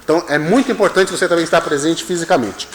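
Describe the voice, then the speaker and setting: A man's voice: a little high, fast. A man preaching a sermon as pastor, often checking in with the congregation. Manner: animated preaching with frequent "amém?" and "tá?". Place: church hall. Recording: echoey church hall, long reverb.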